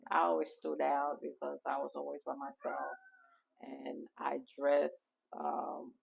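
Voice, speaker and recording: Woman from Haiti, guest author, gravelly husky voice, dull lo-fi sound. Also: sits low, completely flat delivery, a little slow. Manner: reflective, storytelling with frequent fillers. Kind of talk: casual interview conversation. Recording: dull lo-fi recording.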